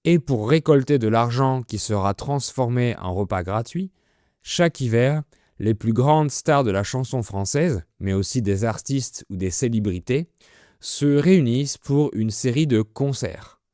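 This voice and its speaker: A man's voice: mid-range voice, expressive, measured pace, warm tone, no echo, clean studio sound. A man presenting an explanatory lesson for language learners in a didactic way, explaining words simply. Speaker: French teacher presenting a listening lesson.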